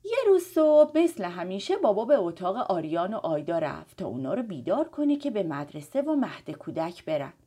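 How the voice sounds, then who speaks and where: A woman's voice: medium pitch, big pitch swings, hardly any pauses, dark tone, breathy edge. A woman narrating a bedtime story for children, affectionately addressing them directly.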